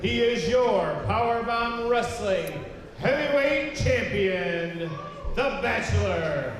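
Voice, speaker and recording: Echoing, slow high-pitched male ring announcer. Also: lively intonation. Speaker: boxing-style wrestling ring announcer. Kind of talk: formal drawn-out ring announcing. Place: indoor event hall. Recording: echoey hall PA with crowd.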